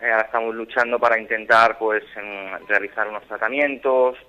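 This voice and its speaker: A man in his thirties from Barcelona, calling in to a radio show and telling his story earnestly, with many halting restarts. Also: lowish voice, level tone, sharp tone, muffled recording. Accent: Spanish, from Barcelona. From Spain. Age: 30s. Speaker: caller. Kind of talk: phone-in interview.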